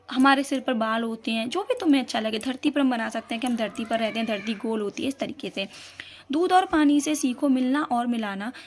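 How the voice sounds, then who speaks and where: A woman teacher explaining a school textbook poem step by step, patiently reading out the answers. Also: sits high. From India.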